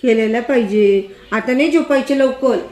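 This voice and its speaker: A woman's voice: fairly high pitch, normal speed, a little mellow. An older woman, a grandmother, teasing her grandson in playful, laughing baby talk in a casual family chat at home. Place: indoors at home. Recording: echoey room with faint noise.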